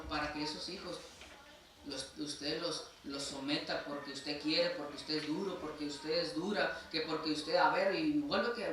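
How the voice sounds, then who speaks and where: A man with a Mexican accent preaching a sermon as pastor, emphatic and repeatedly calling his listeners brother. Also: on the high side. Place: church sanctuary. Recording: echoey church hall from far off, faint noise.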